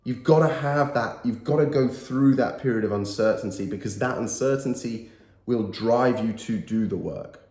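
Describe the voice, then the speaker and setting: A cold makes this thirtysomething man sound nasal as he gives a motivational talk to camera for his YouTube channel. His mid-range voice is darkish and moderately paced, his delivery earnest and emphatic with repeated key phrases, and the room echoes.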